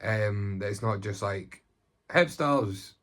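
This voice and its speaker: A Glaswegian man with a fairly low voice talks in a relaxed interview about his life and comedy. He is chatty and self-deprecating, and he swears freely. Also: takes it slowly. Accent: Glaswegian Scottish. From Glasgow, Scotland. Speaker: stand-up comedian. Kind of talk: casual talking-head interview.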